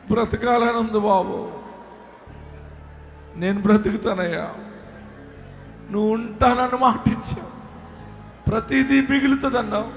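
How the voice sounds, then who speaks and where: A male pastor leading a congregation in prayer at a live service, dropping to hushed pleas and then shouting bold declarations. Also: high-pitched.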